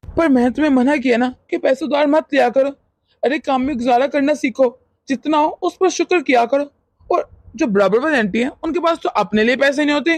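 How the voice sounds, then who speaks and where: A woman's voice: sits high, fairly quick, no room sound, lightly acted. A woman voicing a stern young husband and son in a cartoon who questions and scolds. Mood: stern questioning.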